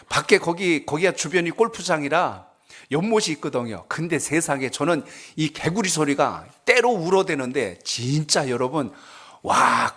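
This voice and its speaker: A man's voice: fairly high pitch, fairly bright tone, slightly rough. A male pastor preaching a sermon at a prayer service, telling stories and asking the congregation questions. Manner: conversational storytelling, asks the congregation questions.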